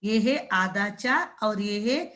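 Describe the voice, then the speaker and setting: A woman's voice: mid-range voice, a bit bright. A woman teaching a primary school class, sounding out words syllable by syllable and repeatedly checking with the children. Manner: drawn-out syllable-by-syllable pronunciation drills. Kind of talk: slow classroom lesson addressing children.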